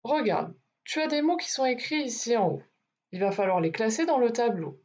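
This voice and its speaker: Woman teacher, phonics lesson for small kids, slow and lively in pitch, slightly husky, dull lo-fi sound. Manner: slow, deliberate, over-articulated sounds. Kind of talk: phonics lesson for young children.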